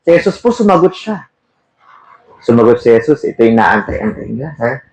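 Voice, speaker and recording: A man preaches a sermon in a sing-song, somewhat mellow mid-range voice at a moderate pace, reading verses and putting questions to his listeners. He switches between Tagalog and English terms. The room is echoey and the highs are cut off.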